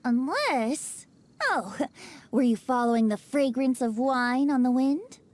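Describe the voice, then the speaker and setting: A woman's voice: high-pitched, expressive, takes it slowly, a little mellow. A woman voicing a playful, wine-loving wind god who takes the form of a youthful bard in a video game, teasing and laughing often. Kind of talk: video game character dialogue. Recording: game audio with faint music.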